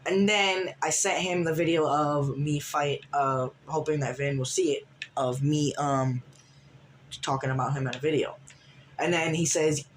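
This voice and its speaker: Vlogger guy, slightly high voice, rambling storytime with restarts, faint noise behind. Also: fairly even intonation, measured pace. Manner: rambling, lots of restarts and fillers. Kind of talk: casual storytime recap.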